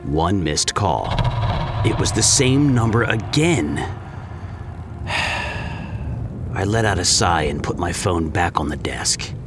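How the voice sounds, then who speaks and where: A man narrating a horror story in a low, hushed, suspenseful way. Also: animated, slow, pauses often, noisy background. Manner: low, hushed and suspenseful, jumping higher in dialogue.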